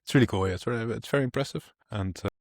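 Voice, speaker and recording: A man with a low voice co-hosts a relaxed tech podcast. He explains in a loose, rambling way with many fillers. The sound is dry and close to the mic. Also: rapid-fire, gravelly, dry recording. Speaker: podcast co-host. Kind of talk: casual tech podcast chat.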